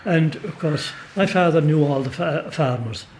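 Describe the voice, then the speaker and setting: A man's voice: fairly high pitch, moderate pace, darkish tone, slight background noise. Older Kerry storyteller man. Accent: Irish, Kerry. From Ireland. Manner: rambling, anecdotal, emphatic. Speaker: storyteller and folklorist guest. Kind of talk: relaxed conversational storytelling. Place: back of a pub.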